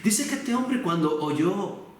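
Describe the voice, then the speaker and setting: A man's voice: high voice, animated, slow pace. A man from the Canary Islands, preaching an earnest, personal sermon from his home with many rhetorical questions. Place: room at home. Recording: very echoey room.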